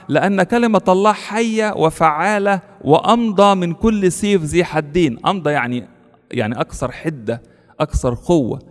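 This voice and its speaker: A man preaching a sermon in an Egyptian Arabic accent, lively and slowing down to quote scripture. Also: on the high side, big-room sound. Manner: lively, rising for emphasis, quoting scripture slowly.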